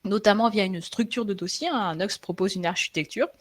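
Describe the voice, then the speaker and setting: A woman's voice: medium pitch, a little fast. A young woman giving a live online coding presentation over a computer mic. She talks in a loose, hesitant way, full of fillers and restarts, and checks in with her viewers now and then. Her throat is a little sore. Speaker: frontend developer presenting a live webinar. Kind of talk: live tech presentation, conversational.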